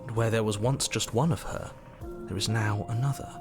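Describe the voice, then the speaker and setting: A man's voice: on the low side, fairly even intonation, over music, natural voice. Man as a solemn, stern storybook game narrator. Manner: measured, literary, commanding.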